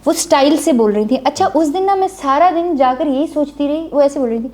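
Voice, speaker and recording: High-voiced chatty woman from Kashmir. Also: a little mellow. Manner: chatty anecdotal storyteller. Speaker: guest, former drama maker. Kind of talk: casual talk show conversation.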